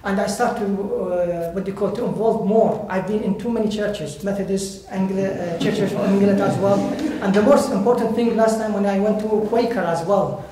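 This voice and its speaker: A volunteer guest speaker from Iraq, his high voice steady and his accent Iraqi Arabic, recounts personal experiences in halting English, searching for words. He speaks from a lectern to a seated audience in a bright indoor hall. The very echoey recording has faint background noise and crowd noise.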